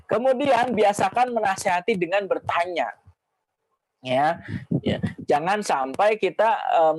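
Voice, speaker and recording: A man giving a relaxed, conversational parenting lesson, with frequent filler words and a livelier voice when he acts out scolding lines. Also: no echo, low-quality recording. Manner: raises pitch to act out scolding quotes. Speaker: Islamic parenting teacher. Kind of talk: casual spoken lesson.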